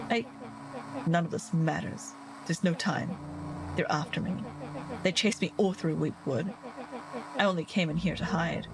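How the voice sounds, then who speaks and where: A woman voicing a bitter young boy who has turned into a monster, talking in a low, sullen mutter. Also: poor audio. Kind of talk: reading a game's dialogue aloud.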